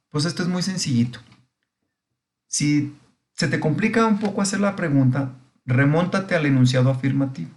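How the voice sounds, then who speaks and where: A man's voice: mid-range voice, darkish tone. Patient man teaching grammar step by step. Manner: patient, step-by-step explaining, checks understanding often. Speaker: English teacher. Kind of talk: recorded online grammar lesson.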